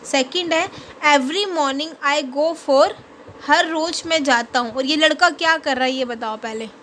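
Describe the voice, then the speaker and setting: A woman with a high, light voice teaches an English worksheet to children. She is patient, explains step by step and spells words out letter by letter. Faint noise runs behind her. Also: measured pace, fairly bright tone. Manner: patient, asks questions then answers them, spells words letter by letter. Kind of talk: classroom lesson explaining a worksheet.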